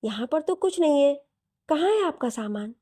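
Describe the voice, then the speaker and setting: A woman voicing a lively, talkative young woman in a storybook reading. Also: sits high, pitched above the performer's own voice. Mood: accusing. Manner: chatty, quick to accuse.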